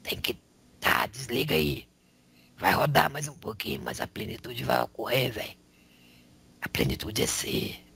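Male spirit, played by a medium, raspy whisper, animated preaching, streetwise. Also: sits low, unhurried, pauses often, exaggerated voice. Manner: slangy, sermonizing, rhetorical questions. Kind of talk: spiritual counsel.

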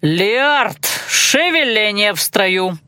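A woman's voice: medium pitch, big pitch swings, normal speed, a bit bright, dry recording, studio quality. A woman reading an audiobook voices a stern male magic instructor who barks commands and makes sarcastic remarks. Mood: stern commanding.

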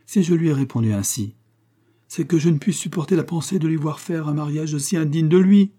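A man voicing an earnest young woman, raised and husky. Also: a little high, a little fast, dark tone, pitched above the performer's own voice, lightly acted. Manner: emotional, pleading.

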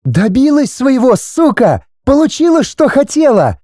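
A heartbroken young woman, tearful and shrill, her voice leaping high and crashing low with every sob, as a woman acts her out. The tone is dark and mellow, recorded close and dry in an audiobook reading. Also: sing-song, normal speed, dry recording. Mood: furious. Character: young woman, distraught, sobbing, furious. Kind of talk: audiobook character voice.

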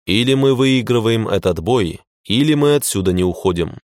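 A man reading a fantasy audiobook in a measured, grim first-person narration. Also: lowish voice, animated, darkish tone, no echo, studio quality.

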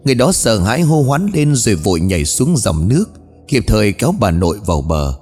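A man's voice: on the low side, very animated, brisk, a little mellow. Male storyteller with hall reverb and music. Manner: voices the characters' lines himself. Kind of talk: scripted ghost story narration. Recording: long reverb with faint music.

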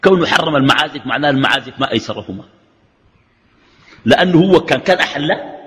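High, animated Sudanese preacher. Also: male voice, fast. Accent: Sudanese Arabic. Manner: argues with a stream of rhetorical questions. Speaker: religious teacher. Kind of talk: religious lesson. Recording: echoey hall reverb.

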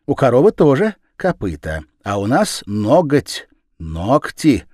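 A man voicing a kind, patient village schoolteacher woman in a read-aloud storybook, speaking gently and coaxingly in a raised voice. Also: mid-range voice, wildly swooping pitch, slow, dry recording, clean studio sound, pitched above the performer's own voice, full character voice. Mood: gentle coaxing. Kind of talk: storybook reading.

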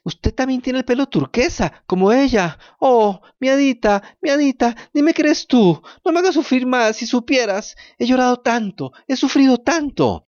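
A man voicing a cheeky, lazy wooden puppet boy in a high, childlike, pleading voice. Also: wildly swooping pitch, normal speed, no room sound, dull audio. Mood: tearful. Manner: high pleading childlike voice, stammers when moved.

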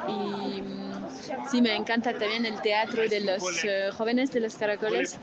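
Swiss woman, non-native, very slow and hesitant, dull lo-fi sound, crowd behind. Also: medium pitch, fairly even intonation, music in the background. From Switzerland. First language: not Spanish. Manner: hesitant, soft-spoken. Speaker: event participant. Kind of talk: vox-pop interview. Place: outdoor community gathering. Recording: lo-fi outdoor field recording with crowd.

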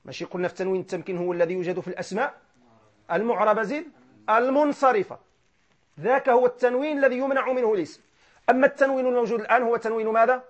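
A man teaching grammar, who asks questions and answers them himself, repeats key terms and slowly recites verses. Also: very high-pitched, fairly even intonation. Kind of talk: classroom grammar lesson. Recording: dull lo-fi lecture recording.

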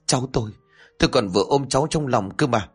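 A man's voice: medium pitch, animated, fast talker, husky. A man voicing a tearful, terrified old grandmother in a spoken ghost story.

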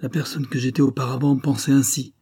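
A man reading the lines of a young woman who answers with quiet dignity, in an audiobook. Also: mid-range voice, flat delivery, a little fast, slightly rough, voice pushed up, natural voice. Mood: earnest. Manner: earnest, restrained.

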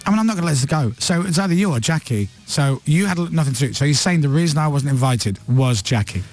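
A man's voice: on the high side, animated, fast talker, darkish tone, faint music behind. A man hosting a casual radio chat, teasing and playful with his guest. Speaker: radio host.

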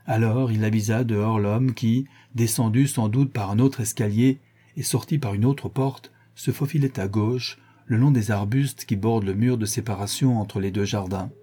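Audiobook narrator, man, mellow and dark-toned, steady reading. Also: lowish voice, normal speed, breathy edge.

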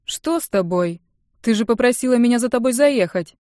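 A woman voicing a smug, teasing young man in an audiobook, speaking slowly with mock tenderness. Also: medium pitch, darkish tone, dry recording, clean studio sound, lightly acted. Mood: mock-tender. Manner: slow, mock-tender, smirking.

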